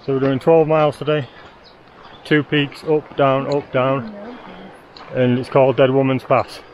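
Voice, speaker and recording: This travel vlogger, a man in his thirties, speaks at medium pitch in a level tone and measured pace as he narrates casually while hiking a mountain trail. He sounds upbeat, cheerful and slightly winded, talking to an action camera at arm's length. Audio quality is poor, with a little hiss or hum.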